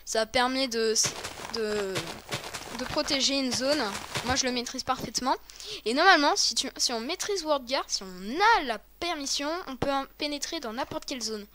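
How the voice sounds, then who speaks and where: A woman's voice: high voice, moderate pace, bright, forceful tone, a little hiss or hum. A woman hosting a casual game tutorial with a friend, talking in a chatty, hesitant way with many fillers and restarts. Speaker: host of a game tutorial video.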